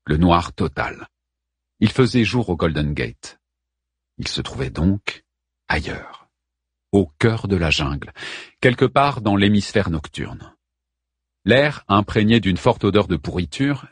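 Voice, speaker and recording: A man reads a novel aloud in a fairly low, husky voice with lively, expressive pitch. The recording is dry and close, with no room sound. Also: no room sound. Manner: expressive, measured reading. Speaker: audiobook narrator. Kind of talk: scripted narration.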